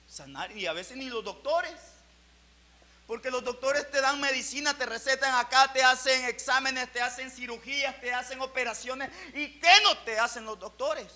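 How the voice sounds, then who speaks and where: A man pastor preaching a sermon fervently, his loudness swelling and dropping. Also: very high voice.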